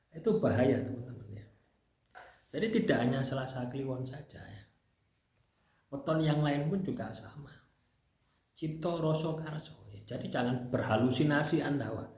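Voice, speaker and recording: A man's voice: medium pitch, darkish tone, echoey room. Javanese-accented man, chatty and repetitive. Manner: conversational, tags phrases with "gitu loh, ya". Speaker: speaker sharing personal experience. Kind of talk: casual spoken testimony.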